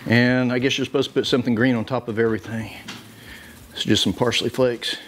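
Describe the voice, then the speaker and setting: A man's voice: mid-range voice, steady tone, quick pace, noisy background. A man hosting a casual home cooking video, joking around and chuckling as he cooks. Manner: joking, easygoing, chuckles often. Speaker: cooking show host. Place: home kitchen.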